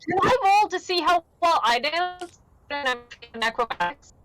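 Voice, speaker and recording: A woman's voice: extremely high pitch, animated, unhurried, fairly bright tone. A woman playing a tabletop game, talking eagerly as a player.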